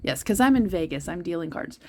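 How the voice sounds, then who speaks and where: A woman's voice: fairly low pitch, lively intonation, brisk. A woman giving a heartfelt tarot reading, talking earnestly and directly to her listeners. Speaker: tarot reader. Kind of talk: spiritual tarot reading to viewers.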